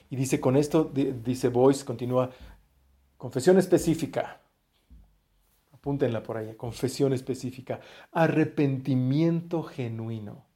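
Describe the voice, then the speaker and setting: Warm-voiced pastor preaching. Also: male voice, mid-range voice. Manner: conversational, restarts phrases, voice often drops to a quiet close. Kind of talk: sermon.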